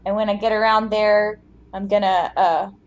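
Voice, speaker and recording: A woman's voice: medium pitch, fairly even intonation, normal speed. A woman player talking casually through her moves in a tabletop game.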